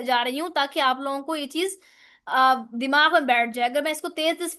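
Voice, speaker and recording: Female Quran teacher, high-pitched, methodical explainer, stretches out recited letters. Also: sharp tone. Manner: explains step by step, often asks "right?"; recites Arabic letters slowly and drawn out. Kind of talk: online tajweed lesson.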